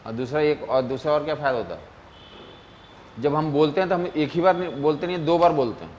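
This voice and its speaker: A man's voice: fairly high pitch, brisk, a little mellow, dull audio, a little hiss or hum. A man teaching physics in a casual classroom lecture, mixing English terms into his talk and often checking that students follow. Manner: keeps asking students if they follow; mixes Hindi with English terms.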